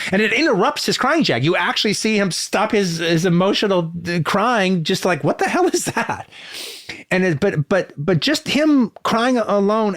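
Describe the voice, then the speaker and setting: A man's voice: sits high, no echo. A man co-hosting a film podcast, talking in a rambling, emphatic way and dropping into quoted asides. The recording is dry and close, with little room sound. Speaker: podcast co-host. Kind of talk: casual film discussion.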